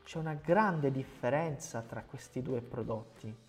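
Man, language teacher, slow deliberate pace, repeats phrases, faint background music. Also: medium pitch. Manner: slow, repetitive drilling of example sentences. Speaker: Italian teacher. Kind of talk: beginner language lesson.

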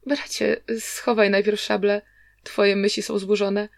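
A woman voicing a gentle, calm brother who speaks softly and soothingly. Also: mid-range voice, unhurried, vocal fry, dry recording, studio quality. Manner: soft-spoken, soothing.

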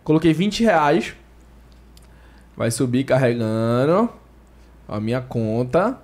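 A man's voice: mid-range voice, big pitch swings, slow pace, darkish tone. A man hosting a podcast, giving a playful, joking sponsor read and explaining it step by step. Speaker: podcast host.

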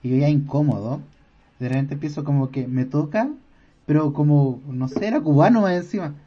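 A man's voice: fairly high pitch, brisk, warm tone. Stammering Chilean man telling a story. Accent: Chilean Spanish. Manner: rambling storyteller, stammers and repeats words. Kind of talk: casual chat. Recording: dull lo-fi sound.

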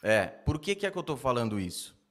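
A man hosting a podcast, chatting casually in a slangy, animated way. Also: mid-range voice, brisk. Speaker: podcast host.

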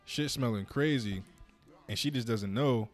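A man's voice: medium pitch, measured pace, faint music behind. A young man co-hosting a casual podcast chat at home, laid-back and agreeing often. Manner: laid-back, says "facts" and "word" often. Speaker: podcast co-host. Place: house, indoors.

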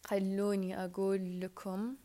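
A woman with a Saudi Arabic accent chatting on a casual solo podcast, rambling and rushed, often dropping into whispers, recorded on a wired earphone mic. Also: mid-range voice, monotone, warm tone.

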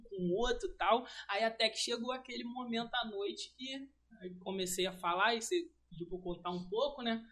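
A woman, a guest telling a personal story in casual slang and acting out the dialogue. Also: medium pitch. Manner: animated, slangy, acts out quoted dialogue. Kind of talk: emotional personal storytelling on a livestream.

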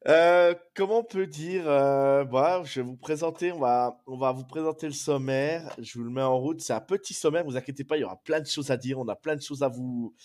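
A man hosting a casual sports fan talk show, slightly hoarse from a cold, talking in a rambling, excitable way and repeating himself. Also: mid-range voice, fairly quick, few pauses. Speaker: host.

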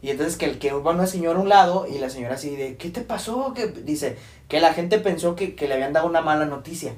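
A young Mexican man casually telling a ghost story to friends, rambling and jumping into quoted voices. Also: fast talker. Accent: Mexican Spanish. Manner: rambling, acts out quoted voices with high pitch jumps. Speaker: podcast host telling a scary story. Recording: echoey room.

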